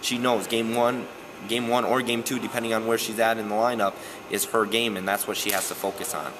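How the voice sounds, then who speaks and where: A young man who coaches softball gives a postgame interview indoors in a gym. His voice is low and his manner earnest and steady, with frequent "um" fillers, and a clear hiss runs underneath.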